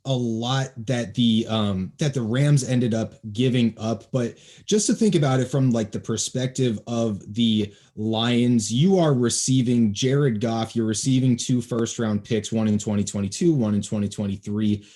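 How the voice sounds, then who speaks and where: A man's voice: mid-range voice, unhurried, few pauses, dark tone. A young man hosting a casual football podcast from home, chatty and joking, on a podcast microphone. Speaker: podcast host. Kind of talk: casual sports podcast chat. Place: home, near Baltimore.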